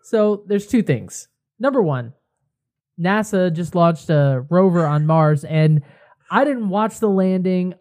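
A man's voice: sits high, lively intonation, slow pace, darkish tone. Male podcast co-host, tipsy, casual and rambling, joking his way along. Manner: rambling, jokey, many fillers. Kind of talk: casual chat.

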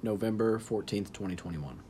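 A man's voice: lowish voice, brisk, warm tone, slight background noise. A young man co-hosting a podcast, casual chat with crude, teasing humor. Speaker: podcast co-host.

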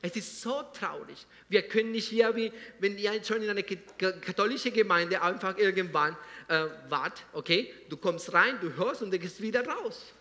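A man preaching a sermon in a church hall, fervent and repeating phrases for emphasis, speaking halting German with grammar slips. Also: high-pitched, sharp tone.

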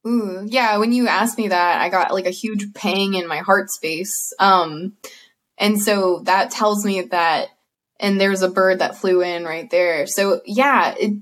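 A woman's voice: medium pitch, a bit bright. A woman, a guest energy healer on a video call, speaking earnestly about spirituality in casual chat and laughing often.

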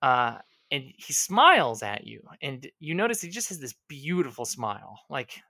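A man's voice: medium pitch, very animated, moderate pace, creaky, pushed and bright, dry recording, clean studio sound. A man narrating as game master of a tabletop game, rambling along with fillers and self-corrections.

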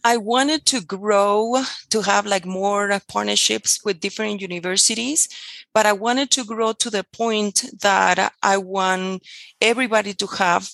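A woman's voice: mid-range voice, steady tone, unhurried, vocal fry, a bit bright, no echo. A middle-aged woman from Peru with a Peruvian Spanish accent, speaking English, chatting as a guest about her tour company with lots of "like" fillers. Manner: enthusiastic, frequent "like" fillers. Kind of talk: casual interview chat.

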